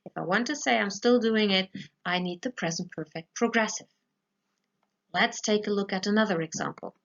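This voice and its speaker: A woman's voice: medium pitch, normal speed. A woman teaches English grammar in a recorded lesson for schoolchildren. She goes patiently step by step and keeps checking that her pupils follow. The voice-over sounds a little dull and lo-fi. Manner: patient, explains step by step, often checks with "okay?".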